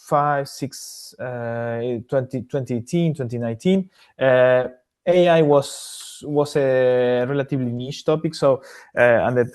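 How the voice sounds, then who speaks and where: A man from Argentina, a podcast guest, answering interview questions in a halting way with many repeated words and restarts. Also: medium pitch, a little mellow. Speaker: podcast guest, AI governance consultant.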